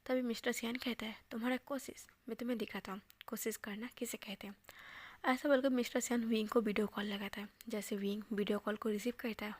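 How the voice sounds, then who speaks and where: A woman narrating a fan fiction story in a soft, half-whispered way. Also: fairly high pitch, no room sound.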